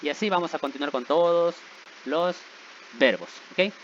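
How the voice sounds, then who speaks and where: A man's voice: a little high, normal speed. A man explains grammar rules patiently in a mid-range voice, checking in with his listeners after each step. The recording sounds a little dull, with a faint hiss underneath. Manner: patient, repeats checks like "¿verdad?" and "¿sí?". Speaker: English teacher.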